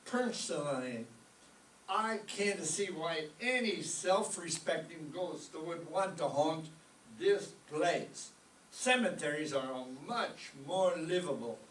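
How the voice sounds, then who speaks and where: A man playing a hard-up, wisecracking music maestro, gloomy and deadpan, in a radio comedy. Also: fairly high pitch. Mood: gloomy, sardonic. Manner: deadpan, deliberate punchline delivery. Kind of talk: live old-time radio comedy acting. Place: echoey room, mic at a distance. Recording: roomy, distant live stage recording, faint noise.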